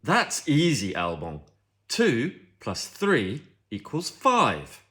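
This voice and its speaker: A man's voice: medium pitch, huge pitch swings, drawn-out words, fairly bright tone. A man from Britain, helping with a lesson by giving short example sentences. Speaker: guest teacher.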